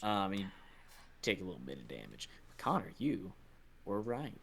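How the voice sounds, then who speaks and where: A man narrating as dungeon master, his voice sitting fairly low. He describes the scene in a loose, rambling way, stacking fillers as he goes. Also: big pitch swings, moderate pace, creaky, a bit bright. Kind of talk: narrating a tabletop game.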